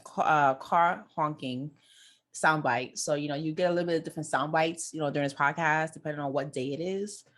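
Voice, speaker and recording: Low-voiced chatty woman podcaster. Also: fairly quick, fairly bright tone. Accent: New York, with Caribbean touches. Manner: chatty, repeats words, talks to listeners directly. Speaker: podcast host. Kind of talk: casual solo podcast talk. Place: indoors near a busy city street.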